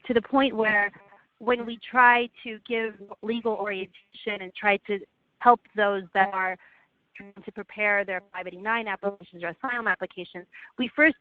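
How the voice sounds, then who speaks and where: A woman presenting slides in a webinar over a phone line, earnest and halting with frequent restarts. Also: mid-range voice, dry recording. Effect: heard over a phone line. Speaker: webinar presenter for a legal aid project. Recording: tinny, dry phone line.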